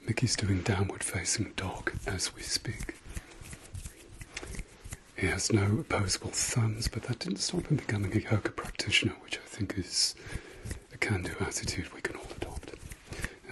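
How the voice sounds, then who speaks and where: Middle-aged male for whispered role-play: fast whispering ASMR, low breathy voice, close-miked, repetitive soft instructions. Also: animated. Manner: repeats soft words in quick runs. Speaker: ASMR host.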